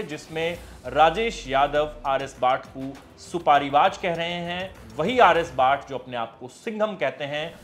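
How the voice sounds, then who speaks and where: Energetic male news host. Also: on the high side, a little hiss or hum. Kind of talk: news report narration.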